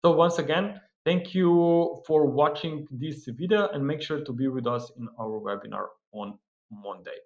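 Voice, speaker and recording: A man's voice: a little high, a little slow, muffled recording. Guy explaining market charts, lots of uhs and ums, roomy echoey sound. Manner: steady explanatory delivery with frequent "uh" and "um" fillers. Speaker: market analyst. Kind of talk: market analysis commentary. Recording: roomy echo.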